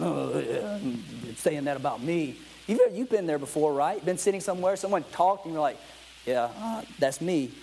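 A pastor preaching to a congregation in a slightly high voice. He reads scripture aloud and talks plainly with his listeners, stopping to ask them questions. A faint hiss sits under the recording. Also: darkish tone, poor audio. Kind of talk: sermon.

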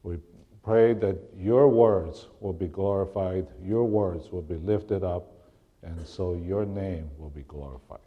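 Delivering a sermon as a visiting preacher, a middle-aged Taiwanese man talks in a halting way, frequently restarts, and clears his throat now and then. He has a low-pitched voice, heard with phone-quality sound.

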